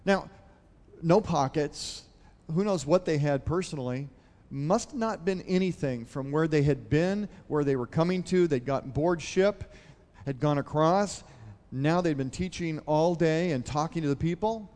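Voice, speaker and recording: A man's voice: fairly high pitch, measured pace, a little mellow. A male pastor giving a conversational sermon, retelling a Bible story and asking the congregation questions. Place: church hall. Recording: long hall reverb.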